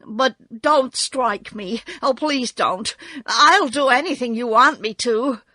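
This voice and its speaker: A woman's voice: medium pitch, expressive, slow pace, a bit bright, no room sound. A woman voicing a meek, pleading little old man with a trembling voice, a humbug wizard in a storybook. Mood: frightened, pleading. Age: older.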